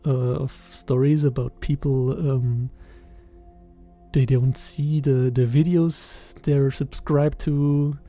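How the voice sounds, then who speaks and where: A young man in his twenties with a German accent, talking casually in a podcast-style voiceover, hesitant and halting with many fillers and soft chuckles. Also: mid-range voice, steady tone, soft background music. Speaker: channel host. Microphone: voiceover recorded separately.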